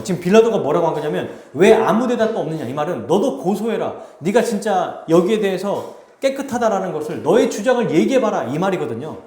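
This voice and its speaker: A fairly high-voiced male pastor preaches an expository sermon, his pitch swinging widely as he acts out what people say. The sound is roomy, with the echo of a church sanctuary around him. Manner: animated preaching, acts out quoted speech.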